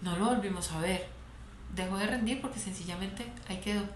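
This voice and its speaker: A woman, a sports doctor and coach talking in a casual interview, lively and playful, laughing often as she tells stories. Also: medium pitch, brisk. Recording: echoey room, faint background noise.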